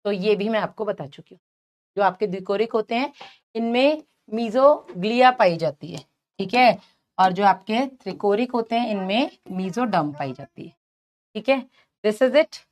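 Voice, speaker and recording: A woman's voice: medium pitch, expressive, unhurried, darkish tone. A woman teaching biology in an online exam-prep lecture, explaining patiently and calling her students "beta", with English terms mixed in. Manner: mixes English terms into speech.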